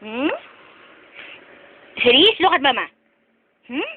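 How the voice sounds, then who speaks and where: High-voiced woman baby-talking a cat. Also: big pitch swings, slow pace, slight background noise. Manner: coaxing, repetitive, mock-stern. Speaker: pet owner. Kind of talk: baby talk and scolding to a pet cat. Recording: tinny lo-fi home video.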